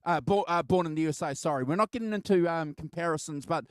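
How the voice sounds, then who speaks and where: A middle-aged man hosting a casual music album chat, halting and repeating words as he reminisces. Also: on the high side, smooth, no room sound, studio quality. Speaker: host of a music album show.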